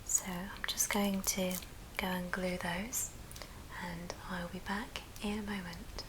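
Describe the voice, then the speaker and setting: A woman whispers throughout an ASMR craft tutorial, her voice on the low side, level in tone, and slow. She's recording indoors at a friend's house, and noticeable background noise and clicks come through.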